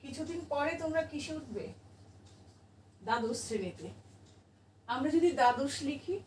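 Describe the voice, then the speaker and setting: Woman teacher, high voice, patient question-and-answer lesson, distant mic with room echo. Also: expressive, normal speed, darkish tone, slight background noise. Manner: patient, asks the class questions and answers them herself. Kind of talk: classroom grammar lesson.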